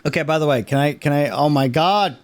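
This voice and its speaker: Over loud music, a man with a fairly high voice reacts quickly and casually on a livestream to a game character trailer. He talks in slang with lots of emphasis, repeating lines to hammer them home.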